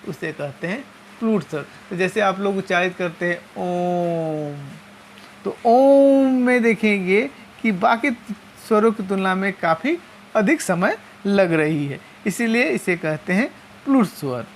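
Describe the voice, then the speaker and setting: A woman teaching a lesson, explaining step by step and slowly spelling out each sound. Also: medium pitch, expressive, a little hiss or hum. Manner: slow and methodical, repeating and spelling out sounds.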